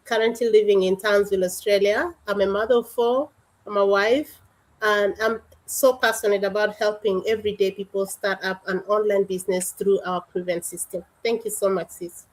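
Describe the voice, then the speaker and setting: A woman's voice: mid-range voice, steady tone, normal speed, poor audio. Woman, from South Sudan, panel guest, earnest, heartfelt, video call. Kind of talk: personal storytelling in a panel.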